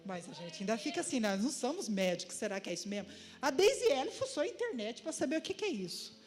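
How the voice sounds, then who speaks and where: A middle-aged woman giving an emotional, animated testimony to a church congregation. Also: fairly high pitch, quick pace. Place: church service.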